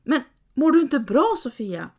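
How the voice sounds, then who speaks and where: A woman's voice: high-pitched, big pitch swings, voice pushed up. A woman voicing an anxious, flustered peasant mother who talks in a fretful, pleading way.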